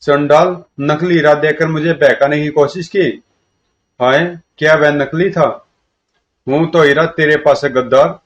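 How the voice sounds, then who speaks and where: A man reading a comic story aloud and voicing all of its characters in a lively way. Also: a little high, a little slow. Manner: lively, shifts between characters' lines. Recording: dull lo-fi recording.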